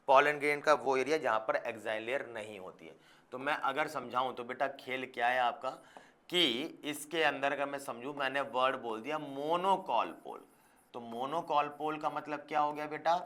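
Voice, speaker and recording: A man delivers a biology lesson to his students in an easy, explanatory way. He keeps checking whether they are following and slips English scientific terms into his talk. His voice sits at an ordinary middle pitch. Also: moderate pace, a bit bright. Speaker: biology teacher. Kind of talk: classroom lecture.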